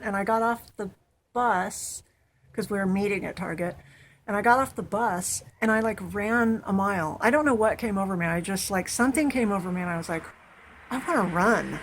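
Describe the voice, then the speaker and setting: A young woman chatting casually in a home vlog, upbeat and rambling. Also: medium pitch. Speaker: vlogger. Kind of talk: casual chat.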